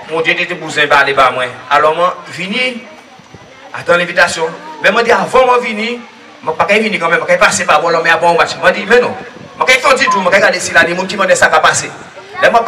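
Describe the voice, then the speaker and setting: A man giving a rambling, lively faith testimony at a church gathering, laughing often as he tells his story. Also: high-pitched. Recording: distant mic with crowd noise.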